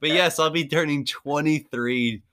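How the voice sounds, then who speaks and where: Young guy cohosting a hoops podcast, bright tense voice, laughs a lot, easygoing chat. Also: fairly high pitch, measured pace. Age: 20s. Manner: relaxed, laughs often, trails off. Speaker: podcast co-host. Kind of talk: casual chat.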